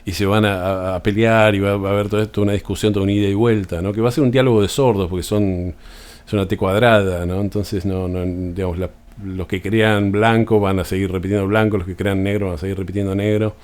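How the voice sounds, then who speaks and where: A man's voice: lowish voice, steady tone, fast, a little mellow, clean tone. A man with an Argentine accent, explaining astrology in an unscripted talk, often restarting phrases and adding tag questions. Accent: Argentine Spanish.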